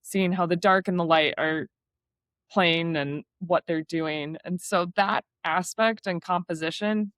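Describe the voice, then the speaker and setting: A woman's voice: fairly low pitch, fairly even intonation, measured pace, a bit bright, clean tone, no room sound, studio quality. A young adult woman, a surf and water photographer, talking as an interview guest in a casual, chatty way full of fillers.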